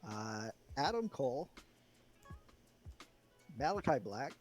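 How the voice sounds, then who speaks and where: Thinking aloud as he runs a wrestling booking game on a live stream, a man chats casually in a mid-range, sing-song voice. His pace is slow and his tone darkish, and chillhop video game music plays underneath.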